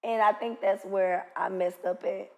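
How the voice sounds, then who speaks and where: A woman's voice: medium pitch, steady tone, unhurried, gravelly, warm tone. A woman in her mid thirties talks frankly in a casual podcast conversation. Her delivery is candid and blunt, but turns reflective as she talks about herself. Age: 30s. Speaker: podcast guest. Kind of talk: casual chat.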